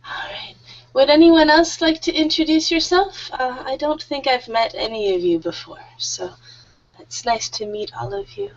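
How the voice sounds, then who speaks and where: A woman's voice: high voice, animated, moderate pace. A woman in her thirties teaching an online English group class, friendly and a little nervous, laughing often. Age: 30s. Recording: muffled lo-fi audio.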